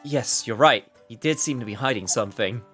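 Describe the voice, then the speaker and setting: A man's voice: mid-range voice, fairly quick, fairly bright tone, soft background music, natural voice. A man voicing a hesitant, earnest young male assistant in a video game. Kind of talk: video game voice-over read aloud.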